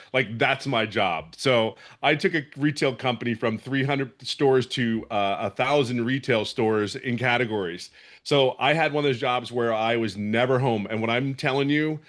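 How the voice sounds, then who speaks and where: A man's voice: medium pitch, a bit bright. Passionate man from Philadelphia. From Philadelphia, USA. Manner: passionate, emphatic, repeats himself. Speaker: program member giving a testimonial. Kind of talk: emotional testimonial on a video call.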